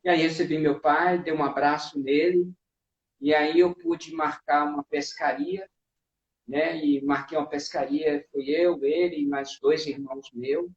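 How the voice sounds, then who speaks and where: A man's voice: fairly high pitch, fairly even intonation, unhurried. A man earnestly telling his personal testimony as a guest, often adding "né". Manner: earnest, full of fillers like "né". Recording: echoey, dull-sounding room.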